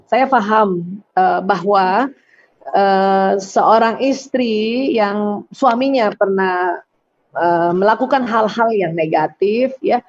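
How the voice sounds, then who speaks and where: A middle-aged woman, a doctor, giving religious self-help advice in an animated way, acting out prayers as she talks. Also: medium pitch, a little hiss or hum. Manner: animated, acts out prayers and quotes. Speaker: doctor and speaker answering questions. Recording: dull lo-fi sound.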